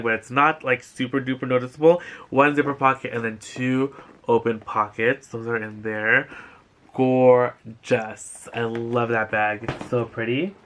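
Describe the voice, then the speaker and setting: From a couch in his living room, a young man hosts a casual thrift haul vlog, gushing and rambling with plenty of fillers. His mid-range voice sounds pushed and bright.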